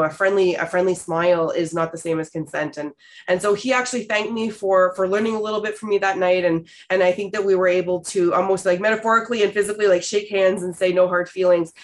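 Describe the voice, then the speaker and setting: A woman in her thirties from Canada, hosting a podcast and telling stories in a candid, expressive way with casual swearing. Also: mid-range voice, quick pace. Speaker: podcast host. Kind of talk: casual storytelling chat.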